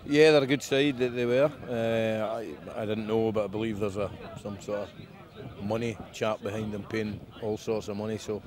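A football manager in his fifties gives a frank, plain-spoken, conversational post-match interview outdoors at a windy ground, with wind noise in the recording. His voice is on the low side, steady in tone, a little mellow, and moderately paced.

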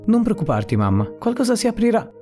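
A man's voice: sits high, big pitch swings, fast, dark tone, soft background music, pitched above the performer's own voice. A man voicing a young boy who comforts his mother hopefully and maturely. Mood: comforting. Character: young son, mature beyond his years, encouraging.

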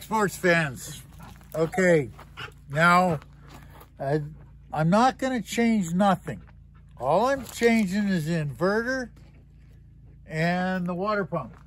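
A man's voice: high-pitched, slight background noise. A Canadian man vlogging in a rambling, joking way, casually swearing as he talks through a project. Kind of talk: casual chat.

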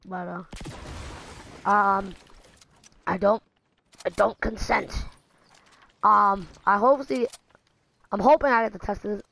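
A woman giving excitable, rambling gameplay commentary, full of fillers and restarts, dropping to mutters and jumping to shrieks. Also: slow, vocal fry, pauses often, poor audio. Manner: excitable, swings from low muttering to sudden shrieks. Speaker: gaming channel host.

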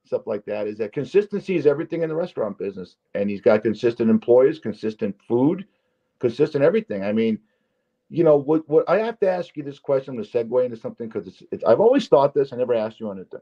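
A man's voice: mid-range voice, animated, fast. A man hosting a podcast, chatting casually and telling stories in a rambling, emphatic way with many restarts. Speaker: podcast host. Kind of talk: casual chat. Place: Las Vegas. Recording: dull lo-fi audio.

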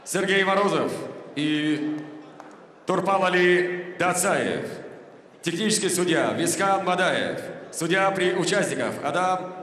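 A middle-aged man announcing fights like a ringmaster, with a theatrical, drawn-out showman delivery. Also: high-pitched, animated, fairly bright tone, a little hiss or hum. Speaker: ring announcer. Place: large dark indoor arena, inside a fight cage. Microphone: handheld microphone. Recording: echoey arena PA, long reverb, distant.

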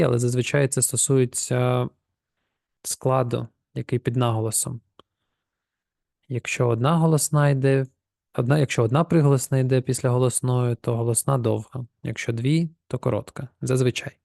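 A man teaching a pronunciation lesson, explaining rules and saying each example word slowly twice so the listener can copy it. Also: mid-range voice, vocal fry, warm tone, no room sound, clean studio sound. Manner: slow, repeats words to model pronunciation. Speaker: language teacher.

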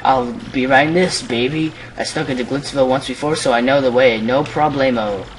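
A man's voice: medium pitch, fairly even intonation, brisk, slight background noise, lightly acted, poor audio. A man doing a brash, boastful villain king.

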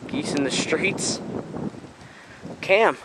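A teenage boy chatting excitedly while filming a vlog on a handheld camera, outdoors and in a store. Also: fairly high pitch. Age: teens. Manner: excitable, quick exclamations. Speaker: vlogger. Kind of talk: casual vlog chat. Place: outdoor parking lot and big toy store. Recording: noisy handheld camera audio.

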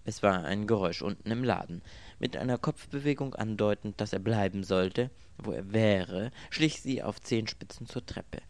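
A man narrating an audiobook in a measured, steady way. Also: on the low side, no echo.

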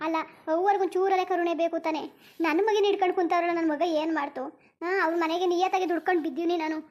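A woman's voice: extremely high pitch, steady tone, very fast, a little mellow. A woman voicing a poor village mother who works as a bonded servant, weary and pleading, in a cartoon. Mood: lamenting. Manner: lamenting, plaintive. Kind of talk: cartoon voice acting.

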